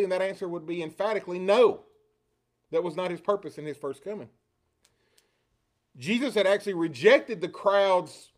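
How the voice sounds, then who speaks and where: Male preacher, fairly high voice, expository sermon with dramatic quoted lines. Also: a little mellow. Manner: rhetorical questions, acts out quotes with rising inflection.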